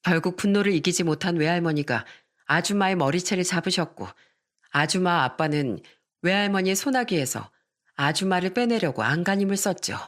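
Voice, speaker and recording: A woman's voice: lowish voice, expressive, fairly quick. Woman narrating a confiding story. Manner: confiding first-person storytelling.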